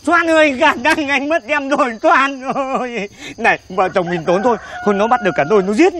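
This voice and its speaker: A man's voice: very high-pitched, a little fast, a bit bright, slight background noise. An actor playing a panicky, cowardly young male suitor in a village comedy film, wailing and stammering. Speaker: comic lead in a comedy film. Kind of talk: slapstick comedy film acting.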